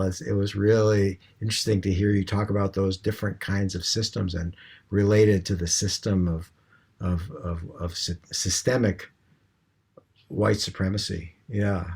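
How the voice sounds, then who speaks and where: A man's voice: lowish voice, slightly rough. A man co-hosting a casual discussion, talking with many hesitant restarts and fillers. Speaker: co-host.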